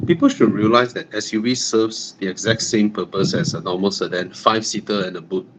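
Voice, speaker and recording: A man's voice: fairly low pitch, fairly quick, background noise. A man with a Malaysian English accent co-hosting a live car Q&A, mostly giving short, direct agreeing replies. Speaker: co-host of a car buying Q&A. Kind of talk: live stream casual chat. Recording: dull lo-fi stream audio.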